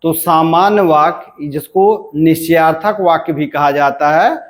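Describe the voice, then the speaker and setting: A man teaching a grammar lesson, slow and repetitive, asking questions and answering them himself. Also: a little high. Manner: clears his throat now and then. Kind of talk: classroom-style lesson explanation.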